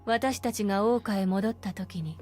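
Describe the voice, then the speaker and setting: An actress voicing a composed adult woman in a game, speaking in a measured, matter-of-fact way. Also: medium pitch, darkish tone, close to an everyday voice. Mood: calm. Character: composed, cold adult female strategist.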